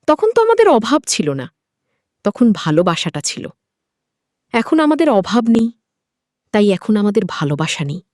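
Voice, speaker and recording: A woman's voice: mid-range voice, darkish tone, no room sound, clean studio sound, natural voice. A woman voicing an aggrieved mother who scolds her grown son reproachfully. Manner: reproachful, emphatic.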